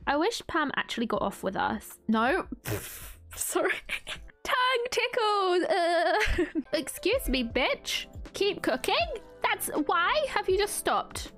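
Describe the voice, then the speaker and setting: A woman's voice: very high voice, big pitch swings, slow pace, fairly bright tone, faint music behind. A young woman streaming a video game, chatting casually and breaking into frequent giggles and squeals. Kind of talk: casual gameplay commentary.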